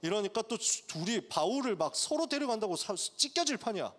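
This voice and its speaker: A male pastor preaching to college students, telling the story in a lively way and acting out its characters' voices. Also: sits high, brisk. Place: church sanctuary. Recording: long church hall reverb.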